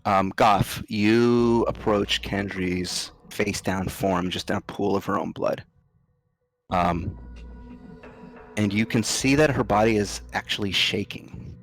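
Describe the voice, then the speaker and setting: A man narrating a tabletop game as game master, halting and descriptive as he improvises. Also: lowish voice, faint music behind.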